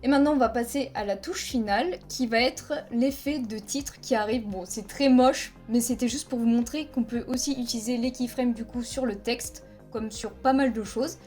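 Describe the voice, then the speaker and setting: A woman gives a screen-recorded video editing tutorial over a headset mic, barely pausing as she plainly explains each step and counts frames aloud. Her fairly high voice is a little mellow and moves at normal speed, with faint music behind it.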